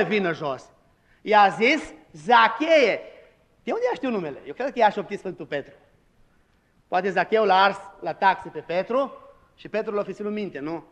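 A man's voice: high voice, sing-song, fairly bright tone, long reverb tail. A man preaching a sermon as pastor, with emphatic delivery and dramatized quoted lines.

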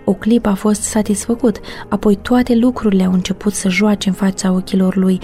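Style: mellow female audiobook narrator. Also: mid-range voice.

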